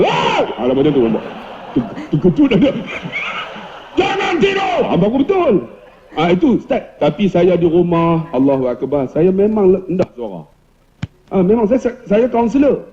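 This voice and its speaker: A middle-aged man with a Malaysian Malay accent, giving a humorous religious lecture with loud, animated storytelling. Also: high-pitched, highs cut off, slight background noise. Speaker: preacher.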